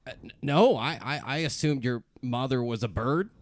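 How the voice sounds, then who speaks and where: A woman's voice: rumbling low, moderate pace. A woman voicing a flustered, whiny male bird with wings in an improv sketch, stammering through melodramatic complaints.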